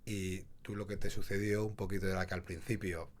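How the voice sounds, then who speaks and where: Very deep voice guy hosting, slow careful questions, bit of hiss behind. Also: flat delivery. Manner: asks long, hesitant questions with fillers. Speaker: host. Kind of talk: interview questions. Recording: faint background noise.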